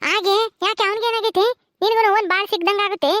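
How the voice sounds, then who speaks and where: A woman's voice: extremely high pitch, fairly even intonation, fast, no echo, clean studio sound. A woman with a rural Karnataka accent plays a bossy, short-tempered mistress of a village house who nags and scolds. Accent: rural Karnataka Kannada. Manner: scolding, nagging, sharp-tongued. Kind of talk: homemade village drama.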